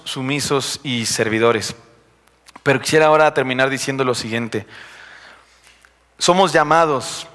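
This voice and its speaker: A man's voice: mid-range voice, fairly bright tone. A young man with a Mexican Spanish accent, giving a chatty, confiding sermon and joking with his congregation. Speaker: preacher. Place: church hall. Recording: live stream in a reverberant church.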